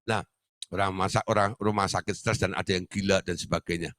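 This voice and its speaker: A man's voice: low voice, steady tone, normal speed, a bit bright, no room sound, studio quality. A male pastor preaching in a conversational storytelling way, often laughing as he talks. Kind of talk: sermon.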